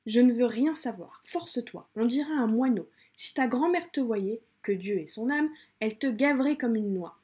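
A woman's voice: fairly high pitch, expressive, normal speed, darkish tone, natural voice. A woman voicing a motherly, bossy Italian café owner with a put-on Italian accent, fussing and scolding.

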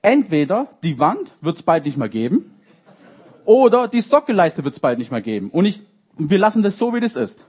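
A young male youth leader preaching with a voice pitched a little above the usual for a man. He tells stories and speaks straight to the congregation in a lively way. His sermon keeps the easy, chatty feel of a personal anecdote. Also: normal speed, husky. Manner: lively storytelling, acts out dialogue, addresses congregation directly. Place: church service.

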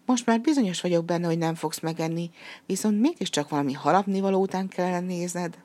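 A woman voicing a kind, wistful young princess in a storybook reading, gentle and sighing. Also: lowish voice, lightly acted.

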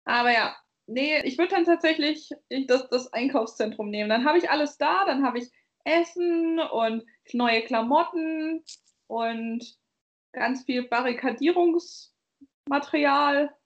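A woman's voice: high-pitched, a little slow, highs cut off. A woman from Bavaria co-hosting a podcast, chatting casually, rambling and laughing often. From Bavaria, Germany. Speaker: podcast co-host. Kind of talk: casual chat.

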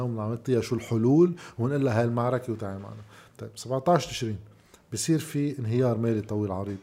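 A man's voice: medium pitch, mellow. A man with a Lebanese accent in an informal political discussion, arguing through lists of points and rhetorical questions.

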